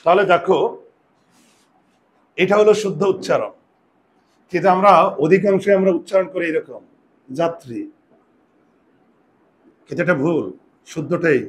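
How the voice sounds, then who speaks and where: A man's voice: high voice, moderate pace, pauses often, slight background noise. A man, a grammar teacher, explains pronunciation rules to his class and keeps asking them questions.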